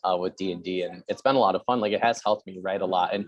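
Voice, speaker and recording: A man's voice: sits low, fairly even intonation, fast, no room sound, lo-fi sound. A man hosting a podcast, talking eagerly in a casual chat with lots of "yeah" and "you know". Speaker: podcast host.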